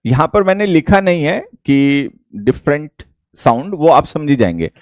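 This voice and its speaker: An English teacher from India with an Indian accent, explaining a lesson slowly and repeating each point. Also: male voice, a little high, big pitch swings, dry recording, clean studio sound.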